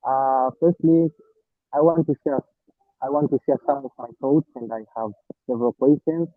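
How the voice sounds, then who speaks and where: A man's voice: medium pitch, steady tone, normal speed, no echo. A man from Tanzania speaks over a video call, putting his points in an earnest, formal list. The audio is thin and phone-like, with a completely dry sound. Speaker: online meeting participant asking a question.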